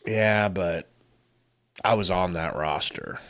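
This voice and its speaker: A man co-hosting a sports watch-along with a clear, bright tone. He talks slowly and unhurriedly, trading blunt, profane jokes and calling the action as it happens. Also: low-pitched. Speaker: podcast co-host. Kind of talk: casual watch-along chat and play-by-play.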